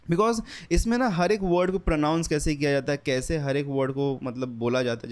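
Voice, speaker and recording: A man's voice: medium pitch, darkish tone. A young man, giving an earnest, casual English lesson and repeating his points, with English words mixed into his speech. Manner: earnest, repetitive, mixes English words into Hindi. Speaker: English teacher. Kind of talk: casual spoken lesson, book recommendation.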